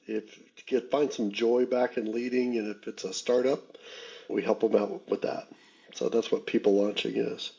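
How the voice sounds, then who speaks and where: Relaxed man from Texas, mellow voice. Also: mid-range voice, breathy edge, dull audio. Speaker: guest, leadership coach. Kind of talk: podcast interview.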